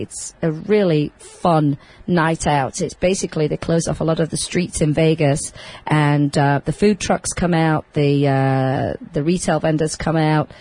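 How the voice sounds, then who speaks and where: A woman hosting a show, chatting loudly and laughing often. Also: deep voice, rough recording. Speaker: host. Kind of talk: casual chat.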